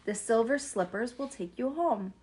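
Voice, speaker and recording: A woman voicing a kindly good witch, soft, gentle, calm, storybook fairy figure. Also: a little high, moderate pace, close to an everyday voice.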